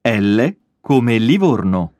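A man's voice: mid-range voice, sing-song, very slow, a little mellow, dry recording, studio quality. A man reading a scripted language lesson, spelling out each letter with an example word. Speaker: language course reader.

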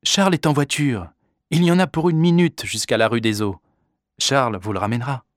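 A man reading a story aloud, voicing an elegant young woman who is soft, coaxing and insistent. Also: medium pitch, brisk, no room sound, studio quality, close to an everyday voice.

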